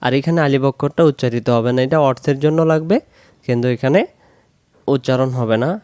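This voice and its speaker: A man teaching Quran recitation, slowly repeating syllables to drill pronunciation. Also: mid-range voice, darkish tone, smooth, no echo. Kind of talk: recitation lesson.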